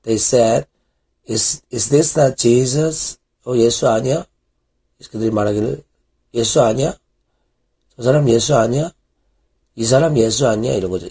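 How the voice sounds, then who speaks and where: A man, a pastor, giving a Bible English reading lesson, reading verses slowly and asking and answering his own questions. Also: mid-range voice, warm tone, slightly rough. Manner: asks questions and answers them himself.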